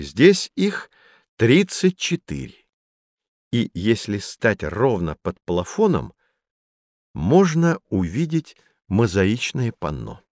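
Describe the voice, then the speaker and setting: In a scripted educational audio drama, a man plays a patient, earnest guide explaining things to children with deliberate emphasis. His medium-pitched voice is recorded dry, with clean studio sound.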